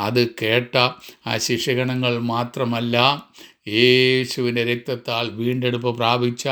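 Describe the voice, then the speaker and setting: Measured man preaching. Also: mid-range voice, a bit bright. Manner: measured preaching, repeated "praise the Lord" and "hallelujah". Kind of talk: Malayalam sermon and prayer.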